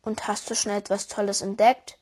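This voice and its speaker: A woman's voice: mid-range voice, flat delivery, normal speed, a little mellow, natural voice. A woman voicing a curious, friendly young girl in a storybook, full of cheerful questions. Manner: cheerful, inquisitive, giggly. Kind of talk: storybook voice acting.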